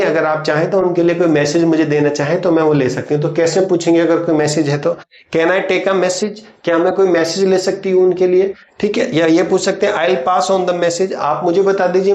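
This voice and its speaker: A man teaching English phrases for phone calls, pausing to say each example sentence slowly and clearly between chatty explanations. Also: a little high, a little mellow. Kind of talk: explaining phrases in a recorded lesson. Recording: roomy, slightly dull recording.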